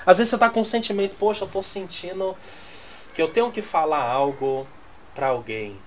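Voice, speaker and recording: A man teaching a church congregation in a conversational way, often checking that his listeners understand, his loudness swinging from quiet asides to emphatic bursts. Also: high voice, moderate pace, a little hiss or hum. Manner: conversational, checks the audience with constant "né?" and "tá entendendo?".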